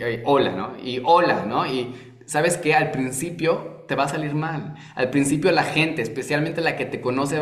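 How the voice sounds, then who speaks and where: Man teaching with roomy echo. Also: mid-range voice. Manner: conversational, asks rhetorical questions, tags "¿no?". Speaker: Torah teacher. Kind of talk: online class talk.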